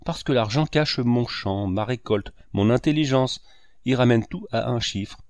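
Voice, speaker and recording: A man reading an audiobook, voicing a boisterous, sarcastic old man who declaims and breaks into booming laughter. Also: measured pace, a little mellow, no room sound, natural voice. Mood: mocking. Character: boisterous sarcastic old male painter, mocking.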